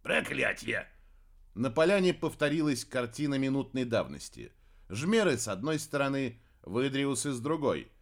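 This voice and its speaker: A man narrating a fantasy audiobook with dramatic, expressive delivery. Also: medium pitch, moderate pace. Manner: dramatic, varied intonation.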